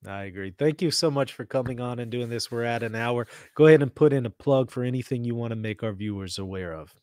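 A man in his thirties hosting a podcast interview at a studio boom mic, relaxed and agreeable. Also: dry recording. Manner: relaxed, agreeable, quick affirmations. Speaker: podcast host. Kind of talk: casual interview conversation. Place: studio with bookshelves. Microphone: studio podcast mic on boom arm.

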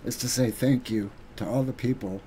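A man giving an earnest, halting thank-you speech on his live stream, pausing often with ums. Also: mid-range voice, steady tone, warm tone, a little hiss or hum. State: getting emotional.

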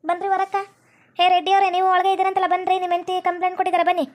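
A woman with a North Karnataka Kannada accent playing a stern police officer who scolds and threatens in a rapid way. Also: very high-pitched, completely flat delivery. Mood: scolding.

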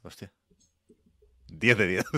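Low-voiced man with quick reactions. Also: sharp tone, no echo, clean studio sound. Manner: short reactions and quick questions. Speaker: podcast co-host. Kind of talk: casual chat.

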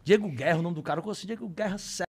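A man, a comedian telling a comic story on a podcast in slangy, profane talk, swinging between low mutters and loud exclamations. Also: rapid-fire, husky.

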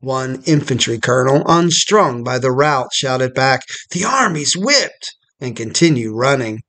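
A man reading a scripted history documentary narration in a measured storytelling manner. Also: medium pitch, a bit bright.

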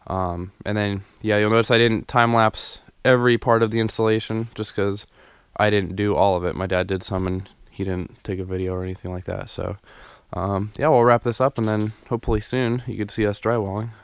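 Camera in hand as he walks, a young DIY vlogger rambles about his basement renovation, full of ums and restarts. He talks fairly quickly with few pauses, his lowish voice showing little pitch movement. The tone is clean, with no echo.

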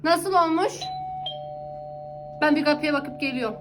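A woman doing a shrill, brash young woman. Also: unhurried, soft background music. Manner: rough, threatening slang. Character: brash, short-tempered young woman who makes the drinks. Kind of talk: comedy sketch.

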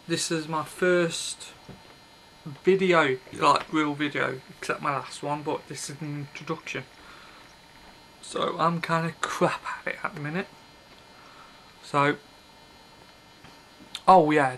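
This is a thirtysomething video blogger's casual, rambling monologue to camera, delivered indoors in a small bedroom with red curtains, blunt and offhand, with frequent mid-thought breaks. His pitch is fairly high and his voice a bit bright. The built-in webcam mic gives poor audio with slight background noise.

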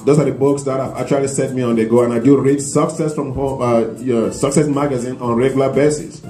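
A middle-aged man with a Cameroonian accent, a guest promoting his business in a studio interview, earnest and careful as he spells details out slowly into a handheld mic. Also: mid-range voice, steady tone, warm tone, echoey room, soft background music. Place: small studio set with couches.

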